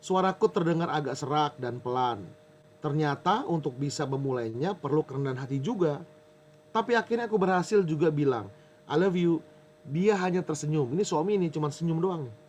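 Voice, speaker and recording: A man preaches to his congregation in a lively, joking way, pausing to read a letter aloud. His voice sits a little high for a man. Faint noise hums behind him. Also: lo-fi sound. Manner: jokes with the audience, reads a letter aloud. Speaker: pastor. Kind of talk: lively sermon with audience banter.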